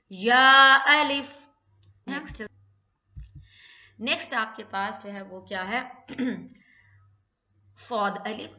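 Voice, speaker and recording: A woman teaching a Quran recitation lesson, putting questions to herself, answering them, then drawing out each letter slowly. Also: mid-range voice, bright, forceful tone. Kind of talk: tajweed lesson in Hindi-Urdu. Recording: dull echoey room recording.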